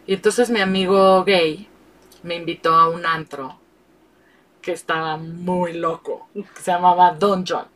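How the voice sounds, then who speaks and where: A middle-aged Mexican woman, a guest, telling a candid story with frank, animated delivery and frequent laughs. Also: on the low side, unhurried. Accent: Mexican Spanish. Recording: voice distant from the mic.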